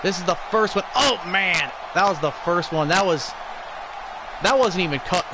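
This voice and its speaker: A man streaming a wrestling game, talking excitedly and often clearing his throat. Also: high-pitched, normal speed, a crowd in the background, background noise. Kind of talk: casual game-stream commentary.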